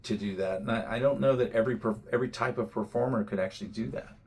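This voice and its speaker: A man's voice: medium pitch, quick pace, darkish tone, slightly rough. A man hosting a casual vlog chat, talking reflectively and often repeating words as he works out his point. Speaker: vlog host.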